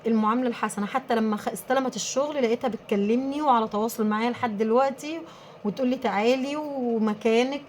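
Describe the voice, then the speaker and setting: A brisk, quick-talking Egyptian woman with a slightly high voice, coaching her viewers through business tips in a casual, emphatic way. Faint noise hums underneath. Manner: emphatic, animated storytelling. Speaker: small business owner.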